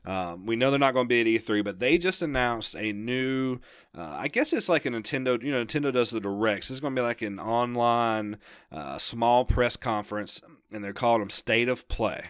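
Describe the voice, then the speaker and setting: A man's voice: mid-range voice, normal speed, fairly bright tone, clear, resonant tone, dry recording, clean studio sound. A young man co-hosting a casual gaming podcast, rambling and enthusiastic, laughing often. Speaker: podcast co-host.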